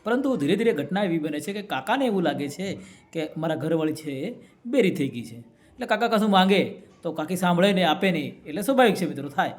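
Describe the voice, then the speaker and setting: A man's voice: high-pitched, lively intonation, fast. A man giving a motivational speech to a community gathering, telling a folk parable and often checking with the crowd. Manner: storytelling, keeps asking the crowd "right?". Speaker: community speaker.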